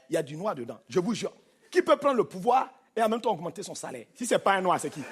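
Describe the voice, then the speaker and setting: A man with a Cameroonian French accent performing stand-up comedy on a theatre stage, animated and punchy, mimicking voices. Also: extremely high pitch. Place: theatre stage with live audience. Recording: live show with faint crowd and noise. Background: audience laughter.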